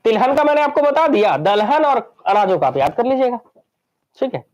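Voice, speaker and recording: An exam-prep teacher from Chhattisgarh, India speaks in a very high, very animated, brisk voice that's a little mellow. Over and over he repeats lists, questioning his students as he goes. The recording has a dull, lo-fi quality.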